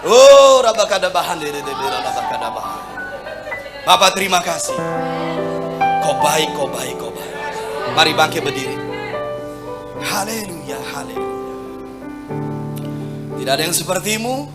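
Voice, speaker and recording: A male pastor preaching a sermon, swinging from shouts to soft tender words and speaking in tongues. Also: on the high side, animated, measured pace, pauses often. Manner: speaks in tongues, sings at times. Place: church hall with congregation. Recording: live church PA with music and crowd.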